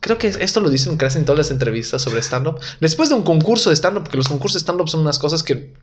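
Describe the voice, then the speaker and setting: A man's voice: a little high, animated, quick pace. An Italian-born man in his young adult years, a comedian telling jokes and rambling stories in a casual interview. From Italy. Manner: joking, self-deprecating, rambling. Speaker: comedian guest.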